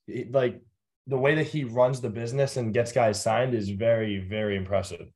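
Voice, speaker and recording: A man's voice: medium pitch, fairly even intonation, normal speed, a little mellow. A man hosting a podcast, chatting casually and eagerly, stumbling over his words. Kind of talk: casual chat.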